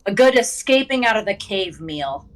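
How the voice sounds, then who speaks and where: A woman's voice: medium pitch, expressive, normal speed, poor audio. A woman playing a tabletop game, talking in character in a chatty, playful way with stammering restarts. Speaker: player. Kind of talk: tabletop game role-play.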